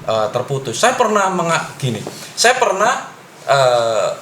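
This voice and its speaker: A middle-aged man, a parent, explaining advice in a conversational way with frequent pauses and fillers. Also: fairly high pitch, sing-song, fairly bright tone, a little hiss or hum. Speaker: parent guest sharing advice. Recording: echoey room.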